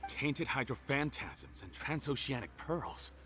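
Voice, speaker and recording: A man's voice: mid-range voice, expressive, measured pace, sharp tone, faint music behind. A man voicing a smug, scheming video game villain with a taunting, theatrical manner. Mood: intrigued, scheming. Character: smug, scheming male villain, vain and threatening.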